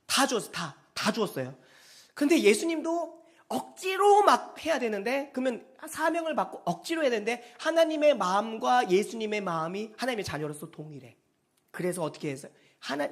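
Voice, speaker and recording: Lively, animated pastor preaching. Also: mid-range voice. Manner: animated, acts out quoted speech. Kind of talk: Sunday sermon. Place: church.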